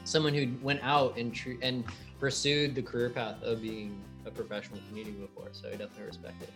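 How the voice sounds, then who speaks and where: A man's voice: medium pitch, level tone, fast talker, music in the background. A man hosting a podcast in a casual interview chat, laid-back and slangy, laughing easily. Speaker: podcast host.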